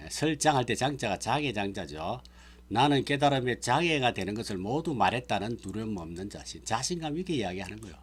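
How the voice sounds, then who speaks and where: Man of middle pitch as a monk teaching a sutra class; patient, term-by-term explanation. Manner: explains terms one by one, checks with listeners. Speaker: Buddhist monk lecturer. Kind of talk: sutra lecture.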